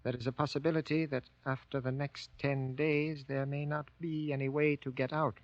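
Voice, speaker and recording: An actor playing a guarded, courteous American-born Japanese army sergeant, speaking formally and carefully in grave 1940s radio drama style. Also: male voice, mid-range voice, level tone, no echo, lightly acted. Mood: guarded, polite. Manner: formal, careful, deliberate diction. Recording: dull old 1940s radio recording.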